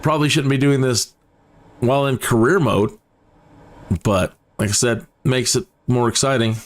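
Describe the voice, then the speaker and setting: A man's voice: medium pitch, normal speed. A man doing casual, playful live commentary on a flight simulator stream, rambling along in a chatty way. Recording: steady background noise.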